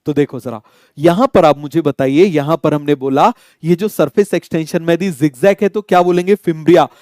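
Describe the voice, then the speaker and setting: A man's voice: on the high side, fairly even intonation, brisk, a little mellow, no room sound, clean studio sound. A young man teaching a biology lecture, quizzing his students with repeated call-and-answer questions and mixing in English terms with an Indian accent. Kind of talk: online exam-coaching lecture.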